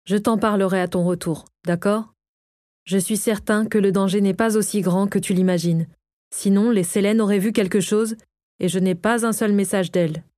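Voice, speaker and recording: A woman reading the lines of a gentle, worried king in a French audiobook, with a soft, reassuring delivery. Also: mid-range voice, steady tone, normal speed, no room sound, clean studio sound, lightly acted.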